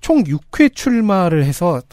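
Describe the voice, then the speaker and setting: A man co-host presenting candidate profiles with a deadpan delivery. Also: high-pitched, measured pace, dry recording, clean studio sound. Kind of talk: briefing-style chat.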